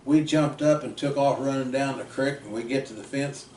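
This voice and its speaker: A man, telling folksy stories in a rambling, casual way that trails off softly. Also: medium pitch, normal speed. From southeast Kansas. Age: 70s. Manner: folksy, drifting, trails off quietly at ends. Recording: roomy, distant mic, faint background noise.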